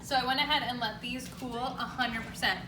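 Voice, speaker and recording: A chatty woman with a fairly high voice walks viewers through baking in an informal, upbeat style. She is recorded in an echoey kitchen, a little away from the mic, with clear noise around her. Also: steady tone, a little fast, distant mic. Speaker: home baking show host. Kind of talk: casual baking demonstration. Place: indoor home kitchen.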